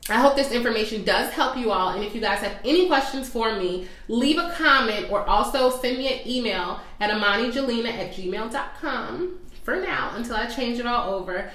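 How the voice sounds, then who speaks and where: A woman's voice: on the high side, animated, moderate pace, a bit bright. Chatty woman in an echoey room. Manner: chatty, friendly, direct address with fillers. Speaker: small business owner and coach. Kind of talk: casual vlog talk to viewers.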